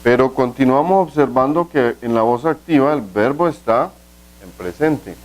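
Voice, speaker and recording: Male language teacher, mid pitch, patient, step-by-step video lesson, with rhetorical questions and slowly spelled-out examples. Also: lively intonation, a little mellow, poor audio. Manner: explains step by step, asks rhetorical questions, slows down for example sentences. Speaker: English teacher.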